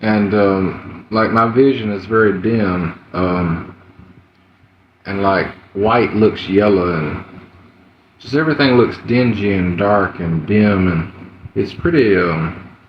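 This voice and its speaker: A man's voice: lowish voice, takes it slowly. A man with a Southern US accent, chatting casually as a livestream host in a rambling, folksy way. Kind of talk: casual livestream chat, greeting viewers. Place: indoor room at home. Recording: muffled, roomy, slightly noisy livestream audio.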